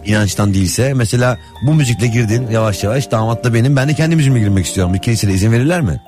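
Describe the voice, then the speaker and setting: A man's voice: mid-range voice, rapid-fire, music in the background. A man hosting a radio show in casual, comic banter, teasing and acting out imagined scenes.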